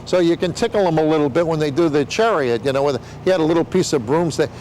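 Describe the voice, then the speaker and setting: A man's voice: on the high side, quick pace, darkish tone, a little hiss or hum, rough recording. An older man explaining things in a casual interview, with rambling showman patter and joking asides. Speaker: veteran sideshow talker explaining flea circus.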